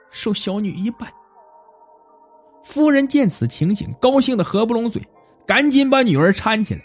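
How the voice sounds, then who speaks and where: High, lively male storyteller. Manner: animated, expressive telling. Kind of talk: scripted folk-tale narration.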